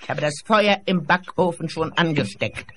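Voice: medium pitch, normal speed, fairly bright tone, slight background noise, lightly acted. An actor playing a wicked old child-eating witch in a radio play, cackling, sneering and barking orders. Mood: bossy.

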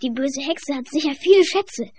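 A woman playing the young boy Hänsel in a radio play, excited and childlike. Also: high-pitched, moderate pace, close to an everyday voice. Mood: joyful.

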